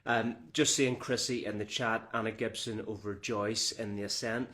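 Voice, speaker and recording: A man co-hosting a trail running podcast, telling stories in lively, joking banter. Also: fairly low pitch, normal speed. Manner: lively storytelling, jokey. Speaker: podcast co-host. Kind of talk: casual banter.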